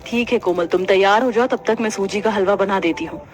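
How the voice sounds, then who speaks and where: A woman voicing a patient young daughter-in-law and mother in an animated family story, gentle and polite. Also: mid-range voice, a little fast, close to an everyday voice.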